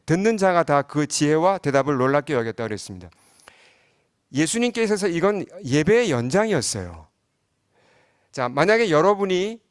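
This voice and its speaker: Middle-aged male pastor, conversational sermon delivery, higher-pitched voice, dry close recording. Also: no echo. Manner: conversational preaching with frequent rhetorical questions to the congregation.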